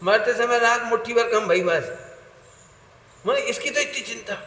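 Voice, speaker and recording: A man's voice: very high voice, expressive, normal speed, sharp tone. A man preaching a sermon, playful and laughing, quizzing listeners by name. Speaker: Jain preacher leading a workshop. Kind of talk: sermon with audience questions. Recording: echoey hall with faint noise.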